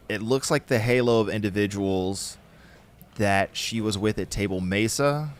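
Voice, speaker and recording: A man co-commentating a live trail race, analytical and measured. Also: lowish voice, clean tone.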